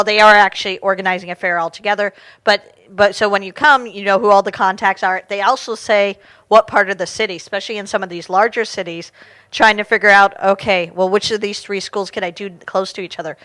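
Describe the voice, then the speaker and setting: A woman's voice: mid-range voice, fairly bright tone. A woman talking informally in a discussion, often restarting her sentences mid-thought as she explains. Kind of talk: unscripted discussion.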